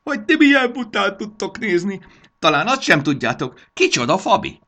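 A man voicing a cranky old male elf who guards a treasure room, with a creaky, unpleasant voice, loud, impatient and boastful. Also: sits high, huge pitch swings, voice pushed up, full character voice.

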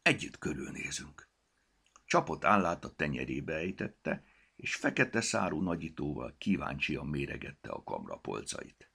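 A man reading a children's storybook aloud as narrator, with expressive delivery. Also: rumbling low, gravelly, husky.

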